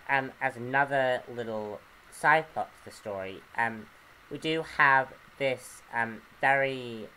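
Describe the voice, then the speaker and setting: A man giving an unscripted comic book review, earnest and hesitant, often pausing to search for words. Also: mid-range voice, bright, forceful tone, a little hiss or hum, poor audio.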